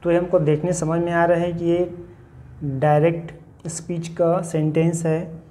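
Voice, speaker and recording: A man's voice: on the high side, flat delivery, unhurried, warm tone. An Indian man teaching an online grammar lesson, explaining patiently with lots of examples. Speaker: English teacher. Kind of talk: classroom-style video lesson.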